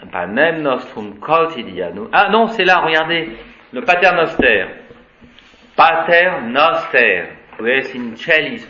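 A man's voice: medium pitch, pushed and bright. A man teaching Latin to a class, reciting declensions in a sing-song and wandering into playful asides. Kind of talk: classroom lecture. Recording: dull, echoey room with faint noise.

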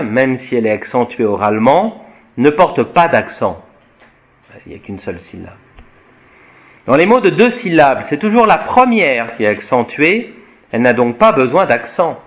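A man's voice: medium pitch, very animated. Dull-sounding man teaching Latin aloud. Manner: slow explanatory, tags sentences with "hein" and "voyez", frequent restarts; spells out Latin words slowly, chanting declensions. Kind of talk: classroom lecture, reading from a textbook and commenting. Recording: dull lo-fi recording.

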